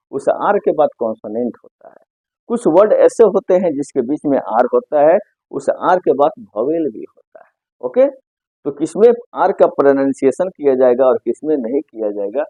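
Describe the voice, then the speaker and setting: Speaking in Hindi, a man gives an English pronunciation lesson, asking and answering his own questions, going back over key points, stretching single words, and frequently closing with "ठीक है ना?". His voice is fairly high and mellow. The low-quality recording has no echo.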